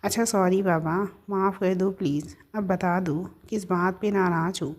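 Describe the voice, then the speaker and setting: A woman's voice: on the low side, fairly even intonation, measured pace. Narrator reads a petulant young woman in a family audio story, coaxing and touchy. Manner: cooing baby talk turning petulant. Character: coaxing young woman friend, quick-tempered.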